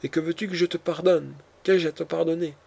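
A man's voice: a little high, steady tone, fairly quick, gravelly, darkish tone, husky. A man reading the part of a frightened nobleman, a count, in an audiobook, with frantic, anguished delivery. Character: terrified panicking nobleman, a count.

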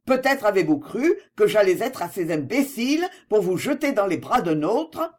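A man's voice: sits high, big pitch swings, normal speed. A reader voicing a bitter, jealous man in an audiobook, speaking sharply and sarcastically in a raised, strained voice. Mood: angry. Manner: sharp, sarcastic and pleading by turns. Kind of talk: audiobook dialogue reading.

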